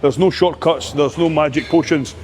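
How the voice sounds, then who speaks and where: Higher-pitched gym bro man hosting. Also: steady tone, moderate pace, darkish tone, a little hiss or hum. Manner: matey gym bro talk, swearing. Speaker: host and training coach. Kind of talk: casual gym vlog.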